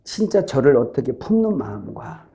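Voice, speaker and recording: A middle-aged man preaching a sermon as a pastor, telling stories with lively acted-out voices and laughter. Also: medium pitch, moderate pace. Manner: animated storytelling, acting out voices and laughing.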